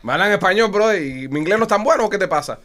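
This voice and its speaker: Fast-talking joking man on a podcast. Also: sits high, expressive, fairly bright tone. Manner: joking, laughs often. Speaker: podcast host. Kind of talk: casual banter.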